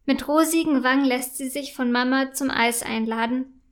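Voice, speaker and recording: A woman reads a children's story aloud in a calm, even manner. Her voice is high and smooth, with crisp, clear diction throughout. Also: moderate pace. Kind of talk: scripted children's story narration.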